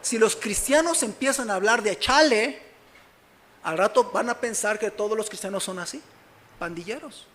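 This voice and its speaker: A man's voice: high-pitched, moderate pace, fairly bright tone. A man with a Mexican Spanish accent from Mexico City, preaching a sermon as pastor and often checking that the congregation is following him. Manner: keeps asking the congregation whether they follow him.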